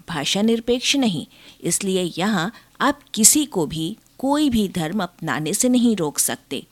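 A woman giving a formal reading of an essay in a measured, even delivery. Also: mid-range voice, no room sound.

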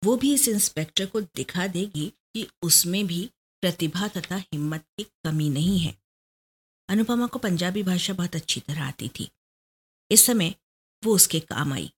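A woman narrating a story aloud in a steady, measured way. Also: fairly low pitch, slightly rough.

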